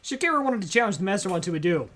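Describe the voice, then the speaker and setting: A woman with a bright, lively voice that swings widely in pitch. She reads her lines and teases the others in a casual group reading, breaking into giggles often. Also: very fast, soft background music. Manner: giggly and teasing.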